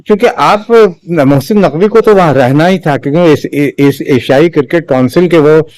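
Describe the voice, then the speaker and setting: A man giving a spoken opinion commentary in a measured, halting way, with frequent restarts and fillers. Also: fairly high pitch, darkish tone, dry recording. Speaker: political commentator.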